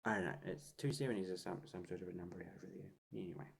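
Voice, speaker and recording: A very deep, creaky voice belongs to a woman in her forties who vlogs from a swivel chair by the sofa at home, talking very fast. She drifts from topic to topic, chats to herself, and coos at her cat in sing-song baby talk.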